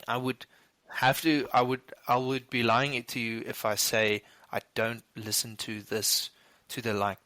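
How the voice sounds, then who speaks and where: A mid-range, bright, forceful male voice with no echo belongs to a movie podcast co-host. He chats casually, rambling, starting over often and laughing quickly.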